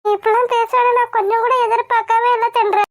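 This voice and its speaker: A woman's voice: very high voice, flat delivery, quick pace, no echo, clean studio sound. A woman voicing a fussy elderly grandmother in a cartoon, scolding and pleading tearfully. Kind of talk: cartoon voice acting.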